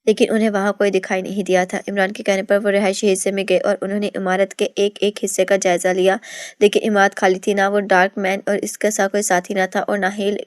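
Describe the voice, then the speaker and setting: A woman narrating a spy novel as an audiobook, in a steady, even storytelling manner. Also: medium pitch, fast, clean tone, no room sound, clean studio sound. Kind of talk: novel reading.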